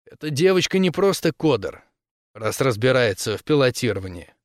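A man voicing a stubborn old soldier who talks in a firm, steady way. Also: mid-range voice, moderate pace, no echo, studio quality. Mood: calm.

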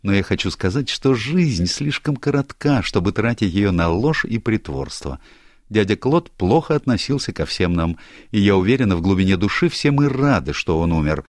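A man's voice: fairly low pitch, big pitch swings, moderate pace, no echo, clean studio sound, voice pushed up. Barbara, a mocking young woman, as a man puts her on. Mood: teasing. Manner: teasing, gushing. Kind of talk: audiobook character voice.

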